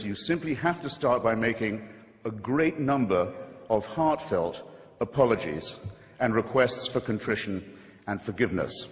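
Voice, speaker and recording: A man giving a formal debate speech to a live audience, wry and ironic, with measured oratory and pointed asides. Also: mid-range voice, long reverb tail. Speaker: debate speaker.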